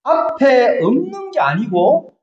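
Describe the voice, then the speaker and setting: A male pastor preaching a sermon in an animated way, often putting questions to the congregation. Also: extremely high pitch, slow, crowd noise. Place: church sanctuary. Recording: echoey church hall, dull lo-fi sound.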